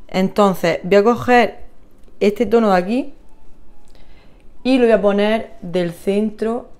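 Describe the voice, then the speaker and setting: Una vlogger de belleza con acento de España que charla de forma animada y entusiasta con sus seguidoras mientras se maquilla. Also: female voice, medium pitch, slow, a little mellow, smooth. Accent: Spain Spanish. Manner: chatty, gushing, talks to viewers while applying makeup. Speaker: beauty vlogger. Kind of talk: casual makeup tutorial chat.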